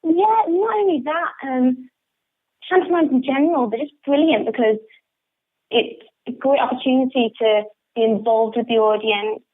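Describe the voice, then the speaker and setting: A pantomime actress, young and with a northern English accent, gives an upbeat, enthusiastic radio interview by phone. Her voice sits high and moves at a moderate pace over the tinny, muffled line.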